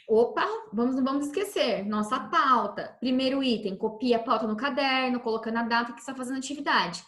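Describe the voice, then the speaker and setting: Brazilian woman, schoolteacher giving a remote class, patient and repetitive, high voice in a roomy space. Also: a little fast, fairly bright tone. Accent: Brazilian Portuguese. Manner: patient, repeats and checks understanding with "tá bom?". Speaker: teacher.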